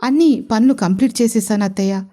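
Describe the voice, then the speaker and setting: A shy young wife and company head speaks politely and hesitantly, often pleading, as the woman narrator reads her. Her voice is soft and warm. It is a romance audio story. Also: medium pitch, moderate pace, lightly acted.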